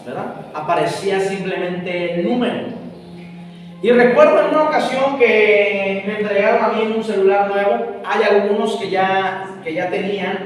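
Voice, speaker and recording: Brief: male preacher, animated storyteller, high voice, heard from afar in a long-reverb hall. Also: recorded from a distance. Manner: animated, acts out both sides of a phone call. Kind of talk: sermon storytelling. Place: church hall.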